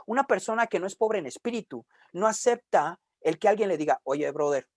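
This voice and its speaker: A man's voice: sits high, lively intonation, a little fast, no echo, studio quality. A man with a Mexican Spanish accent preaching a sermon in a conversational way, with joking asides.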